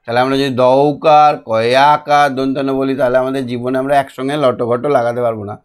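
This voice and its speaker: A middle-aged man teaching a classroom lesson, patiently repeating and drilling syllables slowly. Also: medium pitch, level tone, clean tone.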